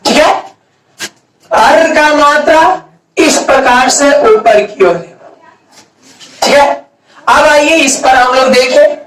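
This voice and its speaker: Slow echoey teacher, from afar. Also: male voice, extremely high pitch, a bit bright, a little hiss or hum. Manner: asks questions and answers them himself, drawn-out words. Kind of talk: blackboard grammar lesson. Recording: echoey room, mic far off.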